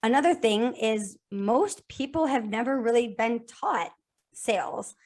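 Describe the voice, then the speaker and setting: Her voice is a little high and her pace a little slow as she guests on a podcast about sales. She keeps things casual and energetic, often restarting and repeating phrases in lists.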